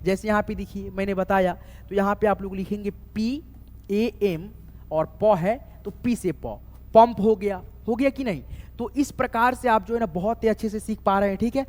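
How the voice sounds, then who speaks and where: A man teaching a spelling lesson, slowly spelling words letter by letter and often checking that viewers follow. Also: high-pitched, darkish tone. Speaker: online English tutor. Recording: echoey room with long reverb.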